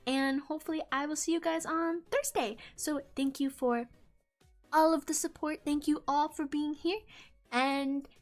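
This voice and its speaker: A young woman chatting casually on a livestream in a cute, bubbly, animated anime-streamer manner, playful and giggly. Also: sits high, normal speed, faint music behind. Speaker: streamer hosting a live debut stream. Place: indoors at a home computer setup.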